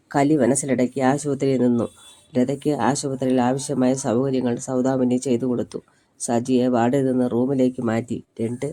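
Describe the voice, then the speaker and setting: Calm storyteller for narrated short stories, steady reading, mellow tone. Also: mid-range voice.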